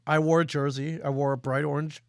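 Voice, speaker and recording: Male podcast guest, gravelly and dry, relaxed banter. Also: on the high side, dry recording. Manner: easygoing, quick to laugh along. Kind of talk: casual chat.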